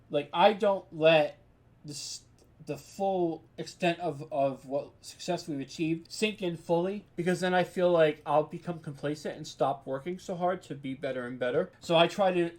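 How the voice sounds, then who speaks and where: A horror audio drama writer, a man appearing as an interview guest, chats casually and candidly, peppering his talk with "like" and "you know." His voice is fairly high and a little mellow.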